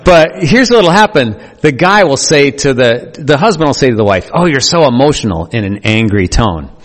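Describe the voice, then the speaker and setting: A man's voice: mid-range voice, lively intonation, moderate pace. A man preaching a sermon earnestly, with playful asides to the congregation. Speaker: pastor. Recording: long hall reverb.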